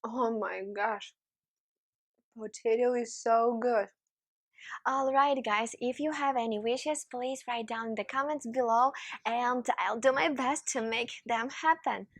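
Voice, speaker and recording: A young woman talks at an unhurried pace as she samples dishes for her vlog. Her voice sits fairly high, and she keeps humming and praising the food with open enthusiasm. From Ukraine. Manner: enthusiastic, savoring food with many appreciative hums. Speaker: vlog host. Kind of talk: casual food-tasting vlog.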